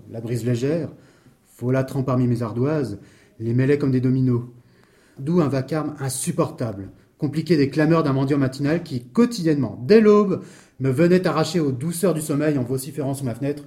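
A man's voice: mid-range voice, warm tone, lightly acted. An actor playing a man who tells a friend a long, wordy story in a theatrical manner. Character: man recounting his house troubles to a friend. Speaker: storyteller in a stage dialogue. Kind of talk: theatrical reading.

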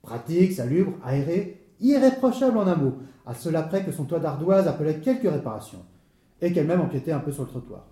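A man's voice: a little high, expressive, fairly quick, warm tone, reverberant, close to an everyday voice. A man playing a fussy, wordy storyteller. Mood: lively. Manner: theatrical, wordy, easily flustered. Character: talkative man telling a comic misadventure. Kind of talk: stage comedy dialogue.

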